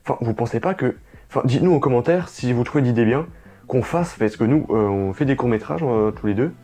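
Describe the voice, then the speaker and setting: A man's voice: medium pitch, lively intonation, brisk, warm tone. A young man co-hosting a horror video, narrating eerie stories dramatically with chatty asides to viewers. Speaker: co-host. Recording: music playing behind.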